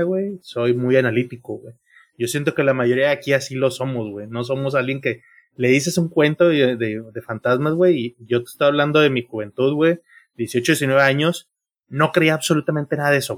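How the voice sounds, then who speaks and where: A man in his thirties with a Mexican accent talks on a podcast. His voice sits at an ordinary pitch. He speaks earnestly to his friends and tags nearly every phrase with slang. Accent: Mexican Spanish. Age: 30s. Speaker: podcast co-host. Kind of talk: casual chat.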